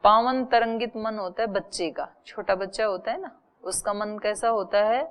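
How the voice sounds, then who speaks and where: A woman's voice: medium pitch, clean tone, highs cut off. Woman teaching an Upanishad. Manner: explains slowly with examples and rhetorical questions. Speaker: spiritual teacher. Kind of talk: Upanishad discourse.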